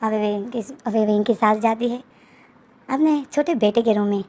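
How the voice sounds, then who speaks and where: A woman's voice: a little high, normal speed, warm tone. A woman casually retelling a romance fan story, chatty and enthusiastic, with asides to her viewers.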